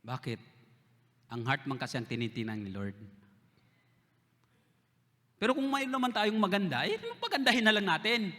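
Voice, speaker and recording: A bright, forceful male pastor from the Philippines delivers a lively sermon, playing out little dialogues with his congregation. His fairly high voice rings through a church sanctuary with a long reverb tail. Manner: lively storytelling, acting out quick exchanges with church members.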